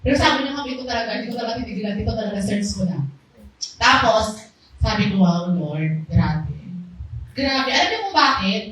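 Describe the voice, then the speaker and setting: Woman with a loud, lively voice sharing a church testimony, a touch high, heard from a distance. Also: fast talker. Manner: loud, lively, animated storytelling. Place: small church hall. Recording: very echoey hall, voice far off, faint background noise.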